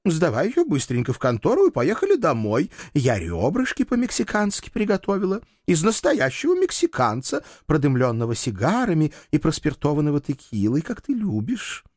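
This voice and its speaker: A man's voice: fairly high pitch, huge pitch swings, moderate pace, hardly any pauses, darkish tone, no echo, clean studio sound, pitched above the performer's own voice. Man doing a purring pampered demoness. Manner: purring, sweet, petulant. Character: affectionate, pampered young demoness wife.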